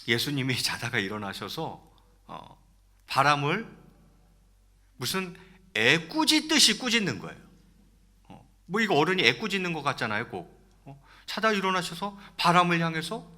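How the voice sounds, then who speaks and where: Pastor guy preaching, voice jumps all over, reads verses then quizzes the church, gets loud then goes quiet. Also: on the high side, sing-song, normal speed, long pauses. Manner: reads scripture aloud, then asks the congregation questions; swings between loud rises and quiet drops. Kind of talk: sermon.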